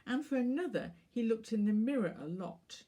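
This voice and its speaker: A woman author reading her own short story aloud in a measured, wry manner. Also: on the high side, animated, warm tone.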